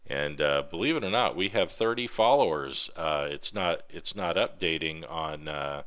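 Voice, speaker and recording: A man streaming a video game, talking in a flat, monotone way and explaining each move as he plays at his home computer. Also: very deep voice, normal speed, clear, resonant tone, lo-fi sound. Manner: explains his gameplay moves as he goes. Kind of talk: casual gaming stream chat.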